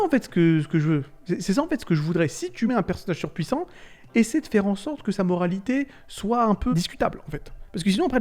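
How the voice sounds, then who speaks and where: A man's voice: high voice, a little mellow. A man hosting a casual video essay, ranting animatedly about fiction tropes and swearing freely.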